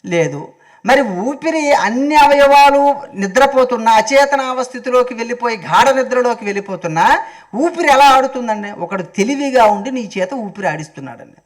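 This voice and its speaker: A man's voice: extremely high pitch, expressive, normal speed, roomy sound, rough recording. A man giving a devotional discourse to a live audience, asking rhetorical questions and chanting verses. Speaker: spiritual speaker. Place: stage before a live audience. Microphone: handheld mic.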